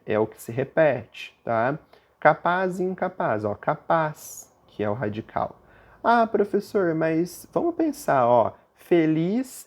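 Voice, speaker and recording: Brazilian teacher who keeps checking understanding. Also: male voice, a little mellow. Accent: Brazilian Portuguese. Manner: explanatory, often asks listeners to confirm they follow; puts on a student's objection in a higher voice. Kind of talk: recorded grammar lesson.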